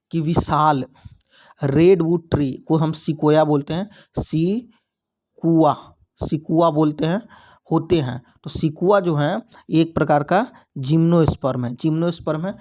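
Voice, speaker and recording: Higher-voiced man explaining exam biology. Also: darkish tone. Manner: repetitive explaining, mixes English terms. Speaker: biology teacher. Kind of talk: exam question walkthrough.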